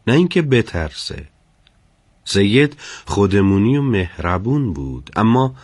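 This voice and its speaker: Deep-voiced man narrating a story. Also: no room sound. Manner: measured, solemn storytelling. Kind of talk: scripted narration.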